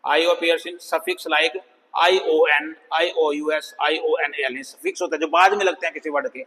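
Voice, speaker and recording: A man teaching an English phonics lesson, sounding out words slowly and repeating them for students. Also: a little high, bright, forceful tone, slightly rough, big-room sound, poor audio. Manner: slow, drawn-out demonstration of words, calls students "bhai".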